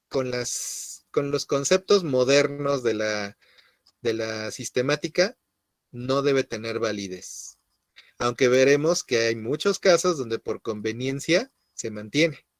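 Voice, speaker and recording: A man's voice: medium pitch, dry recording. Man lecturing, constantly checking "¿sí?". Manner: explanatory, checks in with frequent "¿sí?". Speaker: university lecturer. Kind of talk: classroom lecture.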